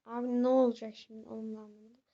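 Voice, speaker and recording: A young woman talks her viewers through a horror game, chatty and easily startled. Her voice is a bit high but soft and mellow in tone. The recording sounds muffled and lo-fi. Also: level tone, quick pace. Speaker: gaming channel host. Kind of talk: let's-play commentary.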